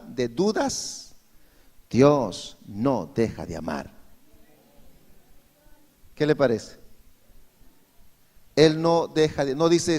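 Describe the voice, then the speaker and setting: A man's voice: mid-range voice, darkish tone. A male pastor gives a Sunday sermon and keeps asking the congregation rhetorical questions. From Peru. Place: church hall. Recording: long hall reverb.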